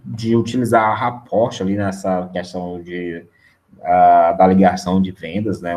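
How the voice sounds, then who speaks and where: A man's voice: low voice, darkish tone. A man from Brazil presenting a sales webinar in a conversational way, tagging his points with a questioning "né?". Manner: conversational, keeps adding a questioning "né?". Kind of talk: casual webinar lecture.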